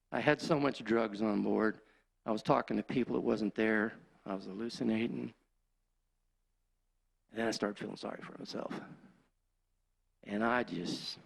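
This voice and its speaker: Older man, gravelly voice, church testimony, plainspoken country storyteller, emotional. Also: on the low side. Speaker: church deacon giving testimony.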